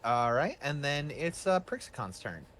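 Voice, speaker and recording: A man's voice: mid-range voice, very animated, moderate pace, fairly bright tone, slight background noise. A man narrating as game master in a casual, loose way, with many fillers and restarts.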